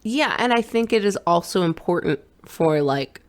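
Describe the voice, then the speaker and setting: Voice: mid-range voice, animated, moderate pace. A podcast co-host chatting casually, joking and laughing often. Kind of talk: casual chat.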